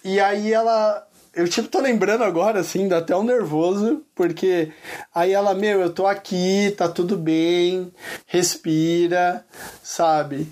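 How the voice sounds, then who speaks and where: A man's voice: sits high, steady tone, a little slow, darkish tone. A man speaking as an interview guest, telling a candid personal story in an earnest, colloquial way with lots of casual fillers.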